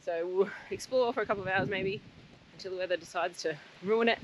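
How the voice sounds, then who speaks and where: A woman's voice: medium pitch, brisk, lo-fi sound. A woman chatting casually in a travel vlog, rambling and laughing as she talks outdoors. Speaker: travel vlogger. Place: outdoors in wind. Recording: outdoor wind noise.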